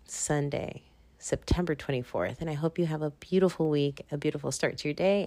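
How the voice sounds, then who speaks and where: A woman with a low voice hosts her podcast alone at home late at night, talking into a phone. She sounds tired and rambles casually, keeping her voice hushed and sometimes dropping to a half-whisper. The sound is dry and close. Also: dry recording. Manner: rambling and chatty, laughs at herself; half-whispering at times to keep quiet. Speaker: podcast host. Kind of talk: casual solo podcast monologue.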